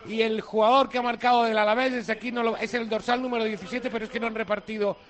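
A man with a very high voice reports a goal from the stadium, walking through the play and pausing on "eh" as he searches for details. The delivery is clean and direct. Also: little pitch movement, a bit bright. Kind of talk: live match report.

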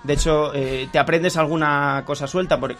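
A man's voice: a little high, steady tone, normal speed, fairly bright tone, soft background music. A man with a Spanish accent, a guest on a comedic live show, telling playful stories about his year abroad. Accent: Spanish from Spain. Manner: storytelling, playful, mock-sings snatches of songs. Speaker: guest presenting a country segment.

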